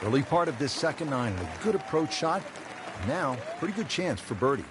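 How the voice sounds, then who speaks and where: A man's voice: fairly high pitch, sing-song, a little fast, noisy background. A man delivering polished play-by-play golf commentary. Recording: music and crowd behind voice. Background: music and crowd ambience.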